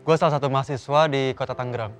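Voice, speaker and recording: A man's voice: medium pitch, fairly even intonation, racing, faint music behind. A twenty-two-year-old male student giving blunt, opinionated views in casual talk. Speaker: panel guest, university student. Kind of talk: casual discussion.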